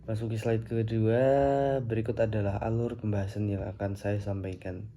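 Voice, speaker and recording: Young male student, very mellow tone, slightly low voice, steady slide-by-slide reading. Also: moderate pace, slight background noise. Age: young adult. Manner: reads steadily from slides, with occasional slips and restarts. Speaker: electrical engineering student. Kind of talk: recorded slide presentation.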